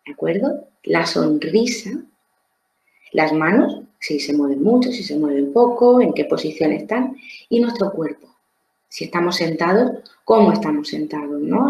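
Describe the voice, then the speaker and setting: A woman's voice: low voice, darkish tone, slight background noise. A woman, teaching a lesson on social skills. She explains step by step, often repeats words, and checks with the listener through tag questions. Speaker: trainer. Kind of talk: explanatory lecture. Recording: echoey room.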